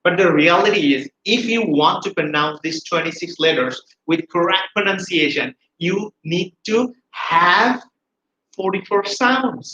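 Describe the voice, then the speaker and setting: A high, bright-voiced man teaches English pronunciation with lively energy, repeating each word for his students to echo back. The recording sounds roomy and a little dull, with faint hiss underneath. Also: very slow. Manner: energetic, repeats words for students to say after him. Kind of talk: classroom-style video lesson, mixing Bengali and English.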